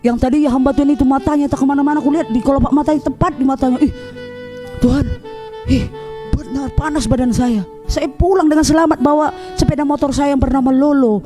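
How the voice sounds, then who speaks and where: Woman evangelist, lively storyteller in the pulpit, faint music bed. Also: high voice, fast. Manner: animated storytelling, keeps addressing listeners as brothers and sisters. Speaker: evangelist preacher. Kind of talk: sermon.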